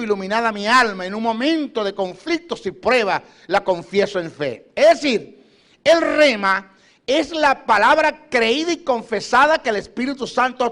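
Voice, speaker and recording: A middle-aged male preacher with a high-pitched voice. He teaches scripture in an emphatic way and piles up repeated phrases as he urges his listeners on. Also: a bit bright. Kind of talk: sermon teaching.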